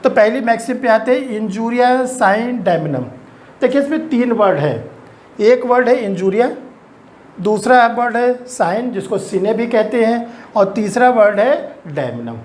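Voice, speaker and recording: A middle-aged man with an Indian accent giving an exam-focused law lecture, slowly stretching out key terms and mixing in English legal words. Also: very high-pitched, expressive, a little mellow, slight background noise. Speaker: law teacher.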